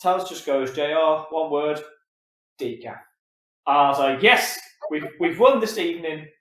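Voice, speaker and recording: A man co-hosting a podcast in casual, animated, swear-filled chat. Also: on the high side, a little slow, roomy sound. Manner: animated, swears a lot, acts out voices in quotes. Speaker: podcast co-host.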